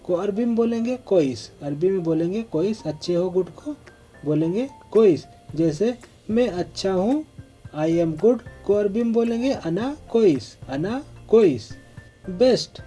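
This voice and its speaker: A man's voice: sits high, dark tone. A man giving a spoken language lesson, repeating each phrase methodically. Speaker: language teacher.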